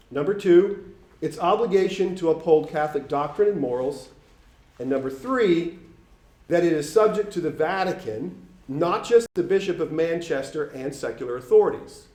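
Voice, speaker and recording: A man's voice: fairly high pitch, dark tone. Boston man reading points in an echoey room. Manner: formal, reads numbered points deliberately. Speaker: speaker at a public forum. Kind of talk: prepared public statement.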